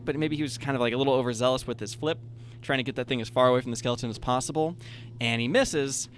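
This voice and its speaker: A man's voice: mid-range voice, a bit bright. Laid-back rambling male game master. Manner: casual, rambling narration full of filler words; cheerfully encouraging to players. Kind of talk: narrating a tabletop game.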